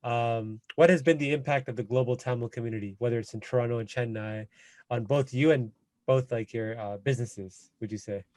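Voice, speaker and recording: A man's voice: mid-range voice, fairly quick, darkish tone, no room sound. A man hosting a podcast interview, asking questions in a loose, hesitant way. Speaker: podcast host.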